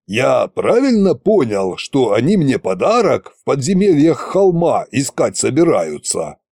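A man's voice: mid-range voice, wildly swooping pitch, a little slow, mellow, breathy edge, no room sound, studio quality, exaggerated voice. Koschei, a man playing a grumbling scheming tsar. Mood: scheming grumble. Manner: grumbling, folksy, self-satisfied. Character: boastful scheming old tsar-sorcerer Koschei.

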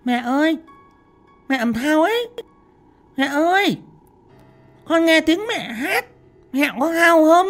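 A man voicing a drowned ghostly young daughter-in-law, who lisps and speaks gently. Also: very high-pitched, animated, slow pace, pauses often, big-room sound, faint music behind, voice pushed up, full character voice. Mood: childlike. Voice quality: lisping, mispronouncing. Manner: gentle, soft-spoken.

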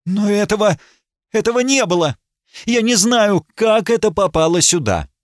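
Man putting on a shrill frightened noble lady. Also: very slow, no room sound, clean studio sound, heavily acted. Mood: indignant. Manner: high shrill pleading cries.

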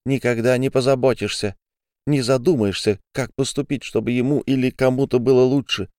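A man reading an audiobook, voicing a furious, bitter young woman who hurls accusations in a shrill voice. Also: a little mellow, clear, resonant tone, no echo, studio quality, lightly acted.

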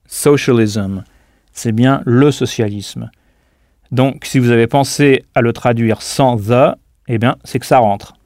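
A man's voice: mid-range voice, fairly even intonation, measured pace, darkish tone, no echo, studio quality. A man teaching a recorded audio language lesson, patiently spelling words out letter by letter and prompting the listener to answer.

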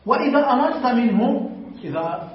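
A man's voice: very high voice, lively intonation, normal speed. A man teaching a live classroom lesson on Arabic word forms, quizzing students and repeating and correcting their answers. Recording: echoey room, distant mic, dull lo-fi, faint noise.

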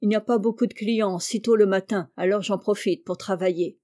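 A woman doing a scared village butcher, stammering, pleading, warm mellow voice, storybook reading. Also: mid-range voice, fairly even intonation, brisk, natural voice. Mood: obliging. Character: frightened middle-aged male village butcher.

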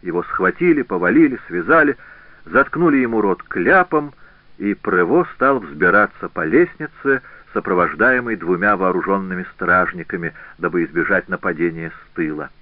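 A man narrating a historical novel as an audiobook in a measured, expressive reading. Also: sits low, no echo. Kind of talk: scripted narration. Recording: tinny phone-like band, dry.

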